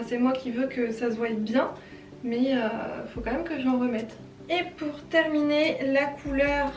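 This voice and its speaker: A woman's voice: high voice, darkish tone, roomy sound, recorded from a distance. A chatty French woman with a French accent, talking through a makeup tutorial and explaining each step with self-deprecating asides. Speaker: beauty vlogger.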